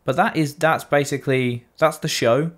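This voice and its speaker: A man's voice: on the high side, normal speed. A man co-hosting a casual podcast, retelling events animatedly and swearing freely. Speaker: podcast co-host. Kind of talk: casual chat.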